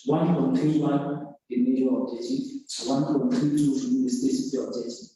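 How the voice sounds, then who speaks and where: A man questions a student about his thesis, stopping and restarting as he lists corrections. His voice is very dark and mellow. It sounds recorded from across a large, echoey room, with faint noise underneath. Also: mid-range voice, flat delivery, far from the mic. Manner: halting, corrective, many restarts and fillers. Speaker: thesis examiner. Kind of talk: academic oral examination.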